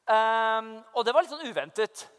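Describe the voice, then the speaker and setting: A young man giving a sermon testimony as a youth leader, fervent, moving from hushed asides to loud proclamations. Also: high voice, animated, clean tone. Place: church hall. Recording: long reverb of a church hall.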